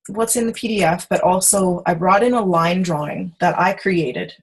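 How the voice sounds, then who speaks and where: A woman teaching design software on a video call, chatty and self-correcting as she demonstrates. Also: on the low side, low-quality recording. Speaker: software instructor. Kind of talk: screen-share tutorial.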